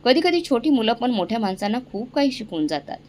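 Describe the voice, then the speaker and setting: A woman's voice: fairly high pitch, big pitch swings, quick pace, darkish tone, slight background noise. A woman voicing a remorseful young man pleading emotionally with his family.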